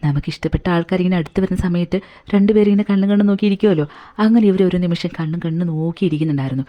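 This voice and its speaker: A woman's voice: on the low side, racing, muffled recording. A woman retelling a film's story in a chatty, colloquial way, as a movie recap narrator.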